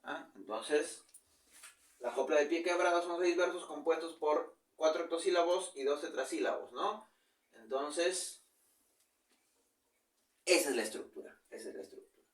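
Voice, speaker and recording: A man's voice: a little high, normal speed, long pauses, far from the mic. A man teaching a virtual literature class, explaining step by step and often checking in with his students. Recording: echoey room, voice off-mic.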